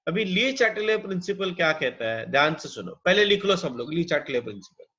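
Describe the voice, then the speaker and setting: Male chemistry teacher, bright voice, drawn-out dictation, dull lo-fi audio. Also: fairly high pitch, very animated. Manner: dictates slowly, repeating each phrase; mixes Hindi and English. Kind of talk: lecture with slow dictation.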